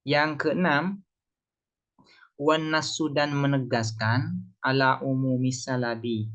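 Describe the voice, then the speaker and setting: A man's voice: mid-range voice, fairly even intonation, slow, a bit bright. A man teaching a religious text lesson, reading Arabic phrases and translating them one by one, often asking himself why and answering. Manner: explains phrase by phrase, asks and answers his own questions. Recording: slightly dull lo-fi sound.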